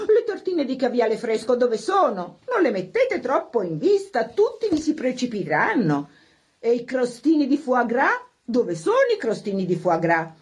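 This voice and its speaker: A woman voicing a snobbish social-climbing mother, bossy and fretful, in a shrill raised voice.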